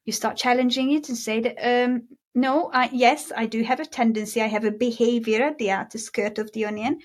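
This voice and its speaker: A Hungarian woman whose accent blends Hungarian with British and American speaks as a guest in a casual interview about mindset. Her voice is on the high side, with fairly even intonation and a fairly quick pace, and she stretches words for emphasis.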